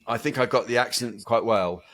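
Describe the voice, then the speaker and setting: A man's voice: mid-range voice, a little fast, fairly bright tone. A man co-hosting a podcast in casual chat, rambling and self-mocking, with lots of restarts. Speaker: podcast co-host.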